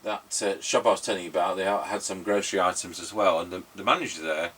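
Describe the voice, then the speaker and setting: A middle-aged radio repairer and presenter rambles casually through anecdotes while giving radio test commentary. His deep voice is steady, quick, and fairly bright with a breathy edge, picked up by a distant mic in a noisy recording.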